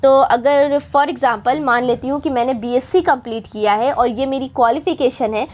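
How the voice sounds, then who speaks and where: A woman from India with a high voice teaches a spoken English lesson. She is patient and repeats her points for students. She draws out her English example phrases slowly and carefully. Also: a little mellow.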